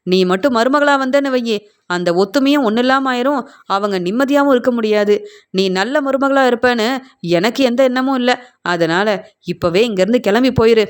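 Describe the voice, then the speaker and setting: Woman reading a firm, scolding older patriarch, fairly high voice. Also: moderate pace, clean tone, lightly acted. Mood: stern. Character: stern older man, head of the family.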